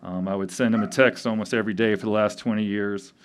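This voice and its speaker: A man in his fifties, grieving, giving a halting memorial speech full of pauses and fillers at a tavern gathering. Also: on the low side, fairly even intonation. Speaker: eulogy speaker. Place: tavern event.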